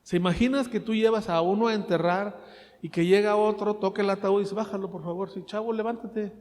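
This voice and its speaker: A man preaching a sermon, asking the congregation questions and swinging between loud and soft. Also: sits high, fairly even intonation, a little fast, long reverb tail. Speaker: pastor.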